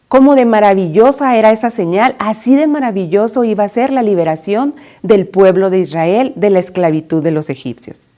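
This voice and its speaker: A woman's voice: medium pitch, dark tone. A woman with a Mexican Spanish accent, telling a Bible story to children as their teacher and asking them questions along the way.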